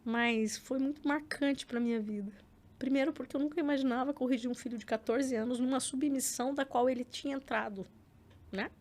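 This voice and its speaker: Her voice is high-pitched, brisk, a little mellow, and fairly even in intonation. A middle-aged Brazilian guest with a Brazilian Portuguese accent, she tells a personal story in a casual podcast interview, acting out quoted lines amid frequent filler words.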